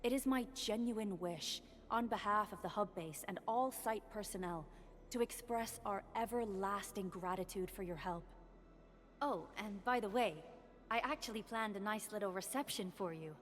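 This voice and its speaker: A woman's voice: mid-range voice, normal speed, natural voice. A woman voicing a grateful, caring base director in a video game, speaking earnestly and formally. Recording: long hall reverb.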